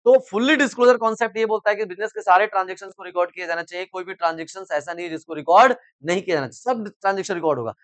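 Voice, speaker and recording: A middle-aged male teacher lectures in a coaching classroom with a high voice, talking very fast. He explains in simple terms with everyday examples and keeps prodding students to answer whether they follow. The sound is dry and close. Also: a bit bright, dry recording. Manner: repeatedly asks "samajh mein aa raha hai?" and prods students to answer.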